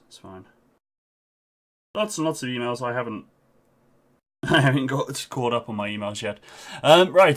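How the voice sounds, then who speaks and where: A man's voice: mid-range voice, a bit bright. A man doing casual live-stream game commentary into a headset, out of breath and chatty, with frequent ums.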